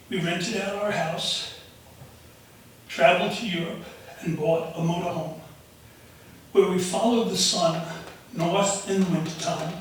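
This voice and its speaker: A man in his seventies from New York, telling a personal story live in measured short phrases with pauses. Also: high voice, fairly bright tone. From United States, raised in the Bronx. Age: 70s. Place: auditorium stage. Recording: very echoey auditorium, noisy, distant.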